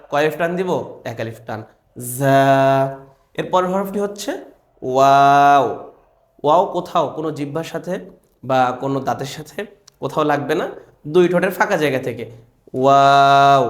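A man with a Bangladeshi Bengali accent teaches Quran reading. He repeats each letter aloud and then asks his viewers where it is pronounced. His voice sits a little high and rings in an echoey room. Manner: drills letters by repeating them and quizzing viewers. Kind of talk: Quran recitation lesson.

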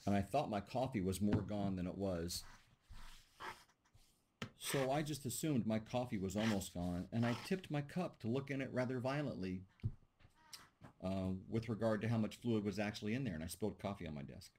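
A man's voice: on the low side, moderate pace, background noise. A man teaching a class over a video call, talking casually and joking with students as he thinks aloud. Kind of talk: online class discussion. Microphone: computer mic on a video call.

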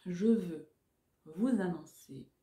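Slow, low-pitched woman dictating. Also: mellow, roomy sound. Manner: deliberate, carefully articulated, repeating phrases. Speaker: French teacher giving dictation. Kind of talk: dictating, reading phrase by phrase with punctuation spoken aloud. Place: small furnished room indoors.

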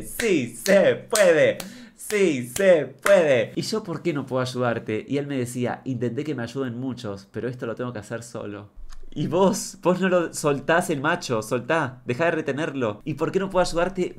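A man with a Rioplatense Spanish accent, doing a sassy, camp comedic monologue as an advice host reading viewer messages. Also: medium pitch. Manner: sassy, camp, quick-witted.

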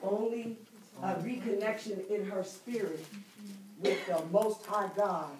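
A woman's voice: medium pitch, fairly even intonation, darkish tone, slight background noise. A middle-aged woman teaching a Bible study as a preacher, drawing out key words and calling for responses from the room. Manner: call-and-response preaching with drawn-out emphasis. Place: church library room with bookshelves. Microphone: far camera, no mic. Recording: echoey room from far off.

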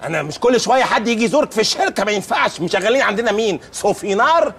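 Comedy: high, jumpy, fast-talking manager, exasperated Egyptian. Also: male voice, expressive, creaky, a bit bright, slight background noise, exaggerated voice. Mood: scolding. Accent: Egyptian Arabic. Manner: shrill, exasperated scolding. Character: fussy, easily flustered office manager man.

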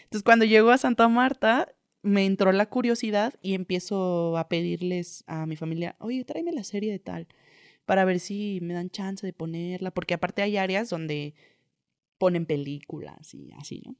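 A woman's voice: mid-range voice, moderate pace, no room sound. Young woman, Mexican accent, casual chatty storytelling, dry close sound. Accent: Mexican Spanish. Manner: chatty, lots of slang and filler tags. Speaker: guest.

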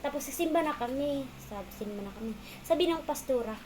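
Casting: woman, slightly high voice, casual rambling storyteller who restarts mid-thought, faint ambience behind. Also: lively intonation, noisy background. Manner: rambling, halting, restarts often.

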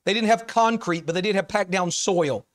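A middle-aged American man preaching a sermon, moving from quiet folksy stories to shouted emphasis on scripture. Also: sits high, normal speed. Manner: folksy, conversational storytelling between scripture readings. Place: church sanctuary.

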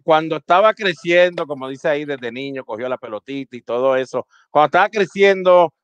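Male co-host, smooth, slightly raised voice, dry lo-fi headset sound. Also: on the high side, no echo. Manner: formal, welcoming. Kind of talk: podcast introduction and questions.

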